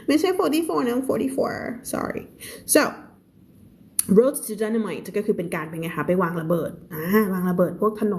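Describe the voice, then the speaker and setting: A woman teacher on a live stream, reading English aloud slowly word by word and then explaining in quick, chatty Thai. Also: medium pitch, a little mellow.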